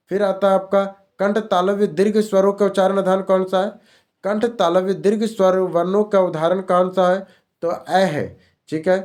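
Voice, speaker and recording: High-voiced man drilling exam questions. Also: darkish tone. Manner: repeats each question and answer, drilling. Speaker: teacher. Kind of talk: exam-prep grammar lesson.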